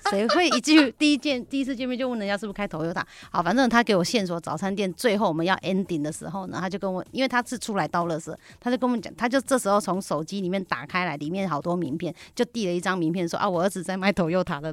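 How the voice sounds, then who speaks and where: Fast-talking woman telling a lively story. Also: medium pitch. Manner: animated storyteller, acts out quoted dialogue. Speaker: real estate agent guest. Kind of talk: casual radio chat, storytelling. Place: radio studio.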